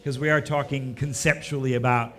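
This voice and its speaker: A man's voice: mid-range voice, steady tone, fairly quick, fairly bright tone. Easygoing male panel moderator. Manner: easygoing and conversational, prompting the panel. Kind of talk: live panel discussion. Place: festival stage before an audience.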